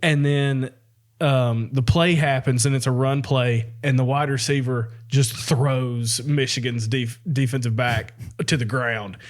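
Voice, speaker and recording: A man's voice: mid-range voice, fairly even intonation, measured pace. A young man, co-hosting a podcast in casual, rambling chat and laughing often. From American South. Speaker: podcast co-host.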